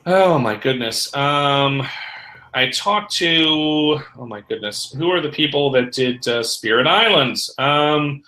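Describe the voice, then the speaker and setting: Bright-voiced rambling man, echoey room. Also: a little high, lively intonation, slow. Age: middle-aged. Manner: rambling, lots of fillers. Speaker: podcast guest. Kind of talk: casual podcast chat.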